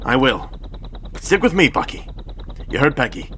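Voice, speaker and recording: An actor playing a steady, earnest, commanding soldier captain in an audio drama. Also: male voice, mid-range voice, normal speed, slight background noise. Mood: urgent, commanding.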